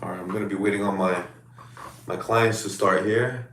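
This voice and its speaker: A man coaching clients over a video call, chatting casually with loud, excitable hype-man energy. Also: on the low side, moderate pace, reverberant, distant mic. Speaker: fitness coach.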